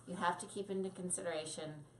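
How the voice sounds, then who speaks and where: A woman dog trainer giving casual tips to camera, lively and acting out quick voices for the puppy and the owner. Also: lowish voice, echoey room, slight background noise.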